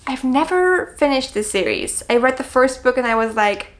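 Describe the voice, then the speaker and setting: This woman's voice is high and expressive at a normal speed as she vlogs about books she adores. Her chat is casual and gushing, sprinkled with self-deprecating remarks. Clicks and background noise come through clearly.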